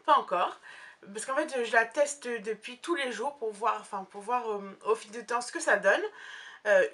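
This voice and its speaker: A young woman chats through her makeup haul in a loose, rambling way, stopping and restarting often. Her voice sits fairly high and sounds bright and forward. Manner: chatty, rambling, many fillers and restarts. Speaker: beauty vlogger. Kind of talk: casual makeup haul review.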